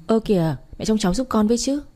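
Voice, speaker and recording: A woman's voice: mid-range voice, lively intonation, fast talker, warm tone, pitched above the performer's own voice, close to an everyday voice. A woman voicing a spirited young mother in a story, pert and a little defiant.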